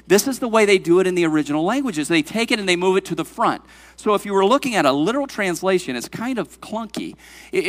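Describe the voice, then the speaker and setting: A man in his late forties preaches with a high, lively voice, driving his points home with questions to the congregation. His words ring out with a long reverb through a church sanctuary. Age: 40s. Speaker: pastor. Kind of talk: sermon.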